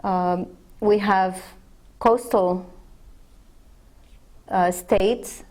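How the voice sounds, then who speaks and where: Slow-speaking Mexican-born woman. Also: medium pitch, steady tone, darkish tone. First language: Spanish. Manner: slow, thoughtful, with pauses and fillers. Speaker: interviewee. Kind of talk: unscripted interview answers.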